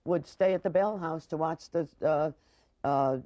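A woman's voice: low-pitched, unhurried, warm tone, no echo. A woman, chatting emphatically as a guest and telling stories. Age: 60s. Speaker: talk show guest. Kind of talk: conversational local-history storytelling. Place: TV studio kitchen set.

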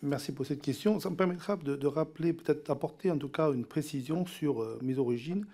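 A middle-aged Cambodian man whose first language is Teochew, a Chinese dialect, gives formal testimony at a parliamentary hearing, speaking into a desk microphone in a large committee room. His voice is a little high and dark in tone, and he talks a little fast. He hesitates, with many fillers and repeated words.

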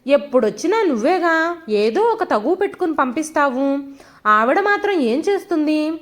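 Worn-out grumbling husband in a storybook, read by a woman, high voice. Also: sing-song, normal speed. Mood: irritated. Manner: irritated, placating. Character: weary middle-aged husband, irritable but reasoning.

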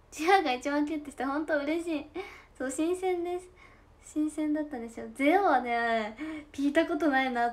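Giggly high-voiced young woman streaming. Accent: Tosa dialect. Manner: chatty and giggly, drawn-out soft endings. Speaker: idol livestream host. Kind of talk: casual livestream chat reading comments.

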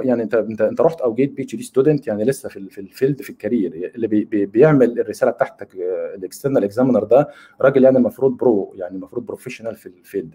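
A man's voice: mid-range voice, mellow, slightly rough. A middle-aged man with an Egyptian accent giving a casual webinar lecture, rambling and mixing in English terms. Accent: Egyptian Arabic. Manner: rambling, mixes English terms into colloquial speech.

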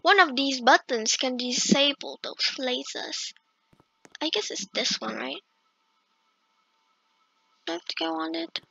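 A woman's voice: high-pitched, a little slow, gravelly, long pauses, pushed and bright, no room sound. A woman giving casual gameplay commentary, chatting and reacting aloud to herself as she plays, on a slightly lo-fi recording. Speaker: gaming video host.

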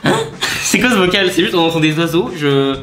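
A man's voice: a little high, expressive, fairly bright tone, soft background music. A young man chatting casually and laughing as he reacts to fans' voice messages. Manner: chatty, laughs often, quick asides. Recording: roomy echo.

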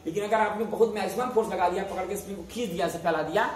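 A male science teacher with a high, fairly even, rapid-fire voice leads a classroom lesson across a very echoey room, far from the camera. He keeps asking students questions and answering them himself, repeating every key term, over a faint hiss.

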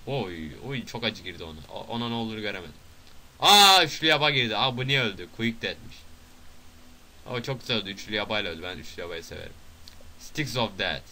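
Bright, excitable young man gaming. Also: fairly low pitch. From Turkey. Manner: excitable, swearing, loud outbursts and mutters. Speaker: gameplay commentator. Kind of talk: casual gameplay commentary.

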